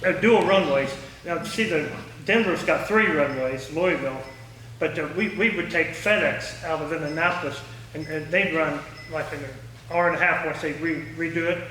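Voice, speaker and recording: With a high-leaning voice, a sharp tone and normal speed, a man answers questions and tells folksy anecdotes in an informal public talk. He's a former air traffic controller appearing as a guest speaker. The audio has room echo, a distant mic and faint noise.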